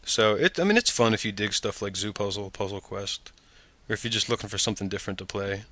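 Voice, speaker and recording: Male podcast host, low pitched and bright, relaxed rambling delivery. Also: fast talker. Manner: laid-back, rambling with ums. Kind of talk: casual podcast chat.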